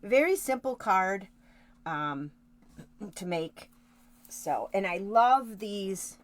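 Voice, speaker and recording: A woman's voice: medium pitch, expressive, drawn-out words. Chatty woman hosting a craft tutorial. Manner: chatty, talks to live viewers by name while working; rambling, self-correcting asides. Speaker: card-making tutorial host. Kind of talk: casual craft demonstration.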